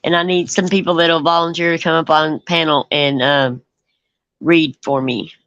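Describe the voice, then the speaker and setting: A woman's voice: sits low, level tone, moderate pace, fairly bright tone, no echo, highs cut off. A woman co-hosting a casual livestream chat, rambling and laughing easily. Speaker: co-host.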